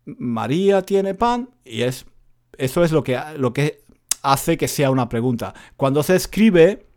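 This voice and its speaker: Animated man teaching. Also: mid-range voice, a little slow. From Spain. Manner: animated, repeats phrases, self-mocking jokes. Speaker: Spanish teacher. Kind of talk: casual spoken lesson.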